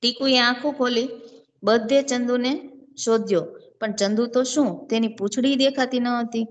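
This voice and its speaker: Teacher lady reading a kids story, chatty, asks questions and answers them, slightly high voice. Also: a little slow, dull audio. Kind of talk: reading and explaining a children's story.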